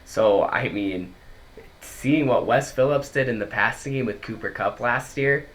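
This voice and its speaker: A young man co-hosts a casual sports podcast, chatting his way through a news rundown. His mid-range voice is congested from a head cold, and he speaks a little slowly.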